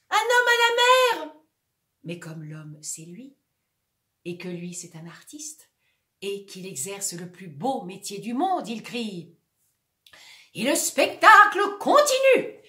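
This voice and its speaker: A woman reading a comic monologue aloud in an expressive theatrical recitation, swinging between bright and hushed delivery. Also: medium pitch. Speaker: reader of literary texts. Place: room at home. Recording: roomy echo.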